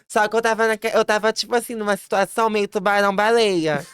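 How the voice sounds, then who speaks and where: A woman chats as a podcast guest and tells her story with lively, laughing energy. She restarts her sentences quickly and jumps into a high voice whenever she quotes someone. Her voice is smooth, and the sound is dry and close with no room in it. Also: no echo. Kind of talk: casual storytelling chat.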